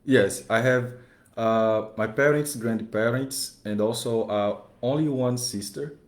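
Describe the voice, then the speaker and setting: A man's voice: mid-range voice, slow pace. A man in his twenties with a Brazilian Portuguese accent, a seminarian guest speaking careful, hesitant, polite English. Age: 20s. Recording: echoey parish room.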